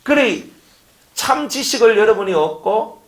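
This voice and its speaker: A man's voice: high voice, expressive, unhurried. A man preaching a sermon, firing off rhetorical questions and acting out quotes. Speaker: pastor. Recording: echoey room.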